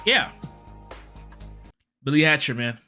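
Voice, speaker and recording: Young guy hyping up old games, lots of slang, bright punchy voice, a little high, quiet music under it. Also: slow. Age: young adult. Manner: excited, slangy, rambling. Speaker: gaming YouTuber. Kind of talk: casual gaming commentary vlog.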